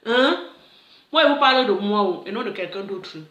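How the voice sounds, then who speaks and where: A woman's voice: mid-range voice, normal speed, reverberant, highs cut off. A woman, a life coach, telling a personal story in a casual vlog and acting out the dialogue. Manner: animated, acts out dialogue, many interjections.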